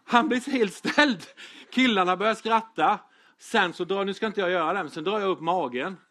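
Pastor, male, high voice, relaxed storytelling sermon with fillers. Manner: chatty storytelling with humor and fillers.

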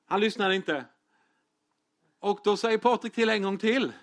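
High-voiced man preaching. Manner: chatty storytelling with humor and fillers. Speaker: pastor. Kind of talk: sermon.

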